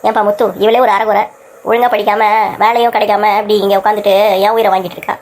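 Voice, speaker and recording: A woman's voice: medium pitch, level tone, fast, slight background noise, natural voice. A woman voicing a stubborn, blunt older father who scolds his daughter in a cartoon story. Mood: scornful. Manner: blunt, scornful.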